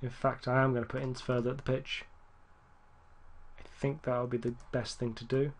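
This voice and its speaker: A man giving casual, rambling gameplay commentary, correcting himself often and getting excited at near misses. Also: mid-range voice, moderate pace. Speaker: gaming YouTuber.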